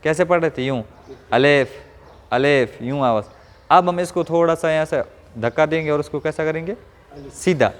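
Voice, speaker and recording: A man from Rajasthan teaching Quran pronunciation to a class, asking questions and modeling each sound slowly. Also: on the high side, long reverb tail. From Rajasthan, India. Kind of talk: classroom lesson.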